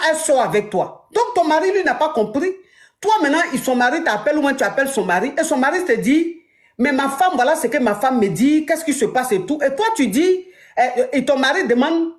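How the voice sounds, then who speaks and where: A woman coach talking through a caller's story, animated and acting out the lines of the people in it. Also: high-pitched, echoey room. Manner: animated, acts out dialogue. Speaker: relationship coach host. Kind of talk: casual advice talk.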